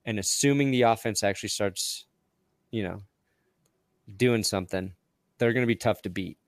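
A man co-hosting a casual post-game sports stream, talking in a relaxed, rambling way with many fillers. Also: on the low side, moderate pace, no room sound, studio quality. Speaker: podcast co-host.

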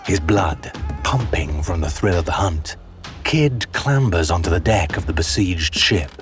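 A man giving scripted, dramatic documentary narration in a measured storytelling manner. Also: low voice, animated, music in the background.

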